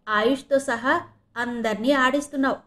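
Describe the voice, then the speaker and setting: A woman's voice: high-pitched, steady tone, moderate pace, a bit bright. A woman voicing a mischievous young female student teasing her friends in an audio novel reading. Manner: laughing, teasing.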